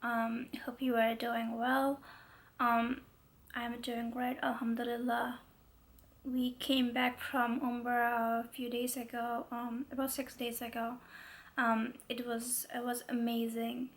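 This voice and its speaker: A young woman talks casually to camera in a vlog, chatty and rambling with many fillers. Her fairly high voice sounds stuffy and congested, delivered slowly and completely flat.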